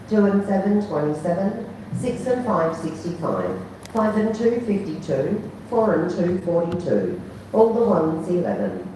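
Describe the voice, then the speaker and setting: A woman's voice: on the low side, dark tone. A woman working as a bingo caller, announcing numbers in a formulaic chant, digit by digit and then as a whole. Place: large echoey bingo venue. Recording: echoey hall, distant mic, faint noise.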